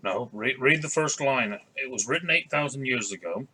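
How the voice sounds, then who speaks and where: A man's voice: medium pitch, lively intonation, normal speed, pushed and bright, husky, poor audio. A middle-aged man narrating a tabletop game as game master over a video call from a room at home.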